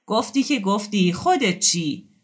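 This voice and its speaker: A woman reading a man who argues loudly and defensively. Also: medium pitch, expressive, pitched above the performer's own voice, close to an everyday voice. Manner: loud and defensive. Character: defensive man arguing about printing work.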